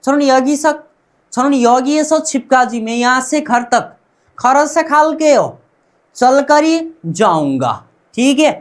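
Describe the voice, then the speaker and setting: A man's voice: very high-pitched, expressive, takes it slowly. A man teaching Korean pronunciation in a classroom-style lesson, asking "what?" and answering himself and repeating each sound several times.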